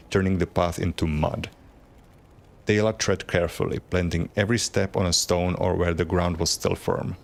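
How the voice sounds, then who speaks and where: Guy streaming a game, reads the lore out flat and plain, deep gravelly voice. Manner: plain unacted reading with asides. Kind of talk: reading lore aloud while playing.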